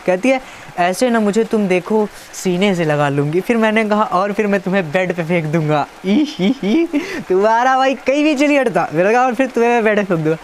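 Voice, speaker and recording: A man's voice: high-pitched, expressive, fairly quick, a little hiss or hum. Joking man reading out a chat. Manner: playful, teasing, reads chat lines aloud. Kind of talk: casual joking commentary.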